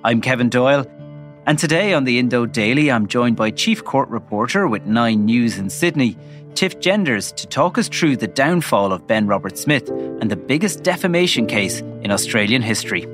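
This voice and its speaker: A man's voice: mid-range voice, lively intonation, moderate pace, fairly bright tone, faint music behind. A man with an Irish accent hosting a podcast in the manner of a true crime narrator. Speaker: podcast host.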